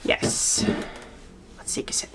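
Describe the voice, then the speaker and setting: A young woman hosting a knitting podcast, chatting casually and thoughtfully with frequent pauses and a touch of nerves. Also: background noise. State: a little nervous. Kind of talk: casual chat.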